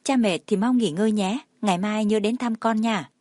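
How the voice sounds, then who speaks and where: A woman's voice: medium pitch, moderate pace, a little mellow, dry recording, clean studio sound, close to an everyday voice. A woman voicing a sweet, understanding little girl who talks fondly to her father.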